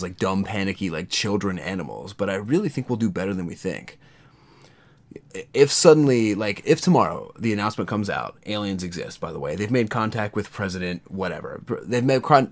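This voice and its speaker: An American man in casual podcast conversation, earnestly arguing his point and checking for agreement. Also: lowish voice. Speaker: podcast co-host.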